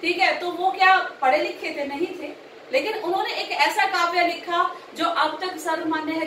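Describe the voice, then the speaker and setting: High-voiced woman lecturing in an echoey room. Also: fairly bright tone, far from the mic, a little hiss or hum. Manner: explains with rhetorical questions and repeated checks. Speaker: teacher educator. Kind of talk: recorded Hindi grammar lecture.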